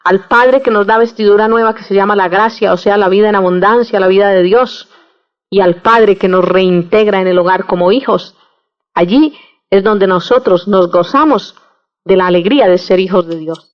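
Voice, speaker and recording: A religious sister giving an earnest radio sermon, questioning listeners directly and telling a little joke. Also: female voice, mid-range voice, moderate pace, dull audio.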